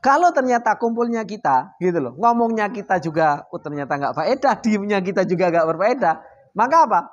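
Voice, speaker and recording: A man teaching an Islamic study circle in a casual, lively way. He asks the audience rhetorical questions and reads Arabic phrases before explaining them. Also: sits high, a little fast, lo-fi sound. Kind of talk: casual religious study talk.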